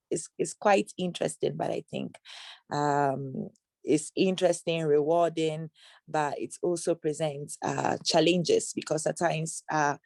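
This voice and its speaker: A woman from Ghana who works in anti-trafficking outreach, answering interview questions in a measured, hesitant way with many fillers, on a video call. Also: deep voice, warm tone, no echo.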